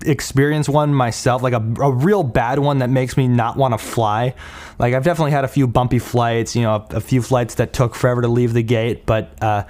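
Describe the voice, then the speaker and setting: A young man from Minnesota talks through a casual solo podcast episode. He rambles, circling back with plenty of ums, uhs and false starts. His pitch sits in an ordinary middle range. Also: a little mellow. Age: young adult. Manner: rambling, many fillers and restarts. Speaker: podcast host.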